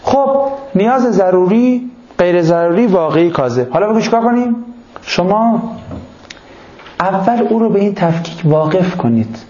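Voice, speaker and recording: Man preaching to parents, kinda high mellow voice, asks lots of rhetorical questions, echoey room, slightly dull sound. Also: slight background noise. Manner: animated, rhetorical questions, lists points. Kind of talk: sermon-style advice to parents.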